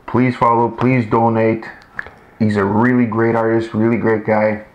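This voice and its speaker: A man's voice: on the low side, flat delivery, measured pace, echoey room, dull audio. A man co-hosting a casual chat, effusive and exclamatory. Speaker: co-host.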